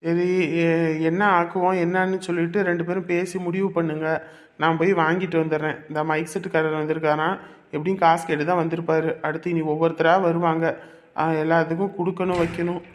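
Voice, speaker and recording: A man's voice: on the high side, flat delivery, fast talker, lightly acted. Man playing an insistent young village son. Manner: insistent, exasperated pleading. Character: young village son pressing mother for money. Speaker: son arranging family feast. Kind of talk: rural family drama acting.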